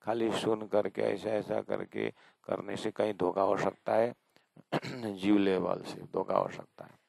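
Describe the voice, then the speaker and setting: A man's voice: on the low side, lively intonation, measured pace, gravelly, a little mellow, no echo. A man giving a devotional discourse on scripture, explaining verses by voicing a dialogue and rising to emphatic appeals. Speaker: spiritual teacher.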